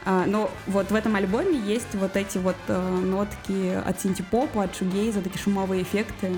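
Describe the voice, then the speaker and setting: A woman's voice: mid-range voice, fairly even intonation, brisk, darkish tone. A woman guest on a radio show, talking casually about music with lots of fillers and restarts. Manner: hesitant, many fillers and restarts.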